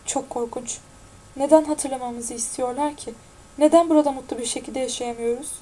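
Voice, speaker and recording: A woman reading the lines of a frightened teenage boy who speaks slowly and pleadingly. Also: high voice, fairly even intonation, dark tone. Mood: haunted. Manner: slow, haunted, pleading.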